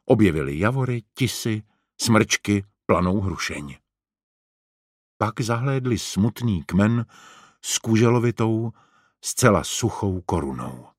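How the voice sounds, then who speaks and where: A man narrating a children's adventure story in a measured audiobook reading. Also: fairly low pitch, animated, dry recording, clean studio sound.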